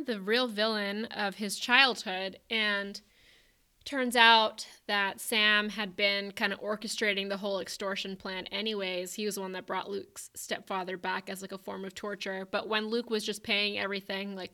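A woman's voice: medium pitch, sharp tone. A young woman co-hosting a podcast, chattily retelling a book's plot with lots of fillers. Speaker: podcast co-host. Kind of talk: casual book chat.

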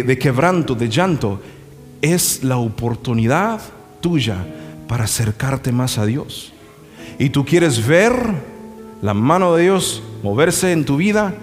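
A male pastor preaching a sermon, moving between impassioned emphatic lines and folksy storytelling asides. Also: mid-range voice. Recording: reverberant hall with faint music.

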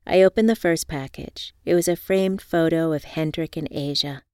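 A woman's voice: deep voice, normal speed, dark tone, clean tone, dry recording, studio quality. A woman reading scripted first-person story narration.

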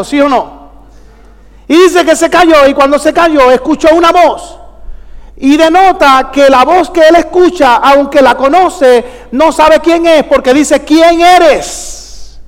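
A man's voice: very high-pitched, big-room sound. A male pastor preaching emphatically, firing questions at his congregation for them to answer. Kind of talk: preached sermon.

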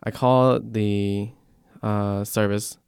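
A man in casual chat, explaining his reasoning in a measured way. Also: on the low side, steady tone, darkish tone, clear, resonant tone, dry recording, clean studio sound.

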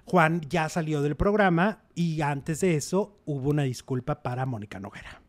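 A man with a Mexican accent co-hosting an entertainment show, chatting about celebrity gossip in an animated, dramatic way. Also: on the high side, moderate pace. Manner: animated, dramatic, acts out quotes with exclamations. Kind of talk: casual gossip chat.

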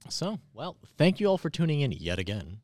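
A man's voice: fairly high pitch, big pitch swings, fairly quick, darkish tone, dry recording, clean studio sound. A man hosting a casual podcast chat, rambling with lots of fillers and laughter. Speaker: podcast host.

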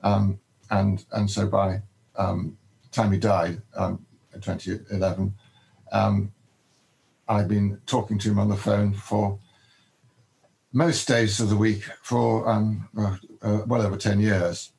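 An older man with a low, gravelly voice answers interview questions about his work as a biographer. He speaks haltingly, with many ums, false starts and repeated words. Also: level tone, a little mellow, poor audio. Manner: hesitant, many ums and restarts.

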